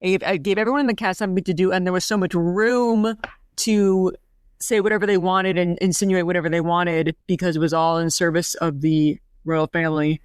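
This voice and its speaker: Forties woman co-host, gushing casual chat, smooth clear tone, dry close mic. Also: lowish voice, fairly even intonation, brisk, no room sound. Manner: gushing and rambling, many fillers. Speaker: podcast co-host.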